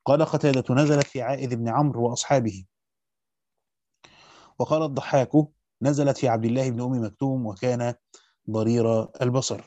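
A man reading a classical Quran commentary aloud as a teacher, at a rapid steady pace that slows to stress key words, with brief comments of his own. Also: mid-range voice, dry recording, lo-fi sound.

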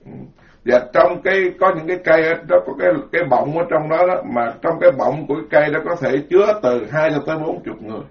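A man's voice: a little high, fast talker. A man with a Southern Vietnamese accent from the Mekong Delta, a Buddhist monk giving an informal, joking sermon and piling up words in emphatic lists. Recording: dull lo-fi recording.

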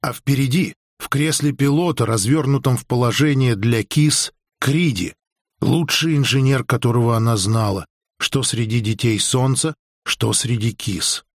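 A man narrating a science fiction audiobook in a measured, even storytelling voice. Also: medium pitch, no room sound, clean studio sound. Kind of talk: scripted narration.

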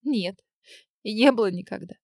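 A woman's voice: medium pitch, normal speed, vocal fry, a little mellow, dry recording, studio quality. A woman voicing a frightened, grieving young pregnant woman. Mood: distraught. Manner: tearful, pleading.

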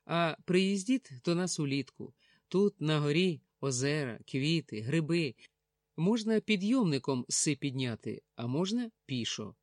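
A man's voice: a little high, animated, measured pace, a little mellow, no room sound, clean studio sound. A man doing a terse mountain instructor. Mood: inviting. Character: terse, stern young mountain ski instructor.

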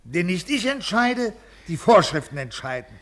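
A man's voice: high voice, big pitch swings, moderate pace, fairly bright tone. An actor playing a stiff, rule-bound male official who speaks formally, in classic radio drama style. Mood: lecturing. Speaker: government official.

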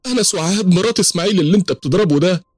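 Man putting on a shrill, frantic old woman. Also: racing, a little mellow, breathy edge, no room sound, faint music behind. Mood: bitter. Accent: Egyptian Arabic. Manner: shrill, pleading. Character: frantic old woman pleading for her husband.

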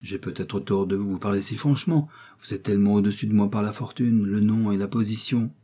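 Young gentleman read by a man, nervous, frank, low husky voice. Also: fairly quick, lightly acted. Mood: earnest.

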